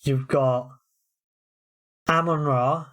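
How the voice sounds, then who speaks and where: A British man on a sports podcast talks in a relaxed, chatty way. His pitch sits in the middle range, and he drifts easily into telling stories. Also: very slow. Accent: British English. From United Kingdom. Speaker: podcast co-host. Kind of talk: casual sports chat.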